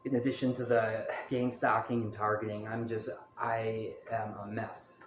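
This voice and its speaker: A man's voice: on the low side, flat delivery, normal speed, reverberant, slight background noise. A man telling a personal story in a casual, candid monologue, full of fillers. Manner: candid, rambling, many fillers.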